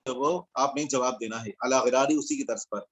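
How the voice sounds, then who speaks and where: A man's voice: mid-range voice, husky. A man teaching an online Arabic grammar class, explaining step by step and checking in with his students.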